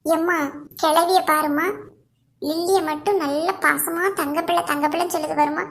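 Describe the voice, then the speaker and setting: A woman's voice: high-pitched, steady tone, moderate pace, slight background noise. A woman voicing a cheeky little girl who whines and complains. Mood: complaining. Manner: complaining, whiny. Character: small girl, cheeky and whiny.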